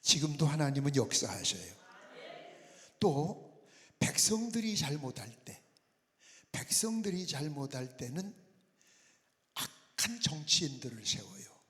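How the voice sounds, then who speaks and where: A man preaching and praying as a pastor, earnest, often dropping to a soft, near-whispered voice for emphasis. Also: fairly high pitch, sing-song, a little slow, long pauses. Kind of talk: sermon and prayer. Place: large prayer-retreat hall. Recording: long reverb of a large hall.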